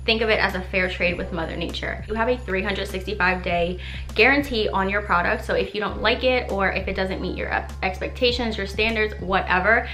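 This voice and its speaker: A young beauty vlogger chats her way through a casual makeup tutorial, rambling playfully and sounding a little congested and nasal. Her medium-pitched voice is brisk, pushed, and bright, recorded in an echoey room with faint music in the background.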